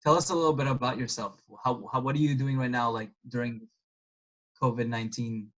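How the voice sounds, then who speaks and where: A man's voice: mid-range voice, steady tone, fairly quick, a bit bright. Man, podcast co-host, casual chat, teasing, wry, mid-range voice.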